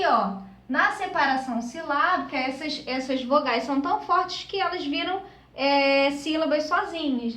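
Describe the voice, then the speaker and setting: A Brazilian woman teacher explains a grammar lesson in a high-pitched, fairly bright voice. She keeps checking in with her class through constant tag questions. The room is echoey, and her voice sits a bit far from the mic.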